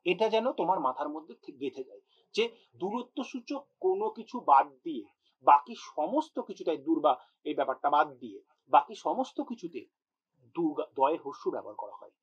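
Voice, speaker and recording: A man teaches a spoken exam-prep grammar lesson, talking directly to students and sounding out words to demonstrate pronunciation. He's patient and repeats points to drive them home. His voice is a little high with a breathy edge, fairly quick, and swings widely in pitch, and the recording is muffled.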